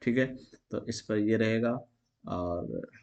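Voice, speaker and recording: A man's voice: fairly low pitch, slow, a little mellow, dull audio. A man teaching an exam-prep grammar lesson, asking each question aloud and answering it himself in a repetitive call-and-response way.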